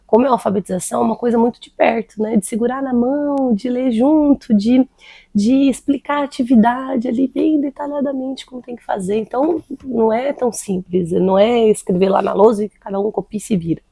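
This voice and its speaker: A woman's voice: a little high, brisk, creaky, warm tone, slightly rough, no room sound. A Brazilian woman, a literacy teacher, earnestly telling a personal faith story in a casual, reflective way. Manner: earnest, reflective, with acted quotes of prayer and dialogue.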